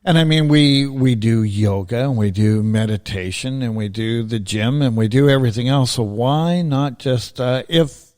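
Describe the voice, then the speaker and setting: A man hosting a relaxed podcast interview, talking easily with plenty of fillers, restarts and the odd casual swear. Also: medium pitch, moderate pace. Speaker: podcast host.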